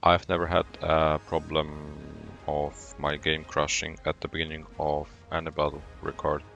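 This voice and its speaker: A man from Poland, speaking English as a second language, streaming a tank game live and explaining his decisions as he plays, with relaxed banter. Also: very deep voice, moderate pace, creaky, dull audio, faint music behind. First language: Polish. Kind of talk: live gameplay commentary.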